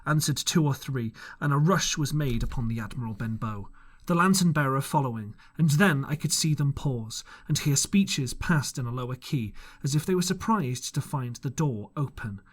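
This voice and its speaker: Reading a classic adventure novel aloud as an audiobook, a man narrates expressively in the first person. His mid-range voice is animated and moves at normal speed, in a storybook narration style.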